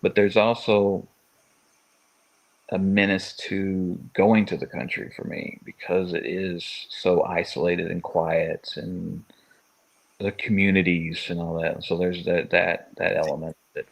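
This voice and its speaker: Deep and creaky, this man's voice shows little pitch movement and keeps a measured pace, captured in a low-quality recording. He's in his forties, from Louisville, Kentucky, USA, and co-hosts a podcast, chatting casually on a live stream in a rambling way that keeps stopping and restarting.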